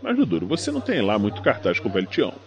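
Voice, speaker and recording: An actor in a crime audio drama playing a vengeful enforcer, taunting, sardonic and foul-mouthed, speaking deliberately. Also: male voice, lowish voice, wildly swooping pitch. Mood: taunting, controlled menace. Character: menacing, vengeful male enforcer avenging his brother. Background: music.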